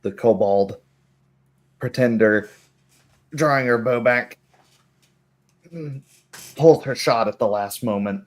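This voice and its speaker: As game master, a man with a mid-range voice narrates a tabletop roleplay game in a measured, descriptive manner.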